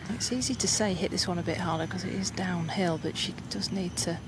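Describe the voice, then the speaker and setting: A woman's voice: lowish voice, a little fast. A woman giving live golf commentary and analysis as a broadcast analyst. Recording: outdoor broadcast with clear background noise.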